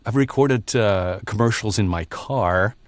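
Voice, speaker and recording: A middle-aged Belgian voiceover artist with a lowish voice speaks unhurriedly from his small home recording booth, with no echo. In this casual interview chat he's relaxed and chatty, laughing often and restarting sentences.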